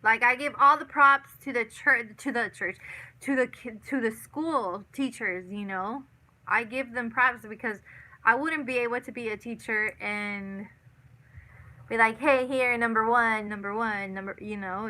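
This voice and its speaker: A chatty woman in her thirties with a bright, fairly high voice. She hosts a casual live chat, talks loosely, repeats herself and keeps adding "you know". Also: measured pace, rough recording. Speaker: livestream host. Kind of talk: casual live chat reading viewer comments.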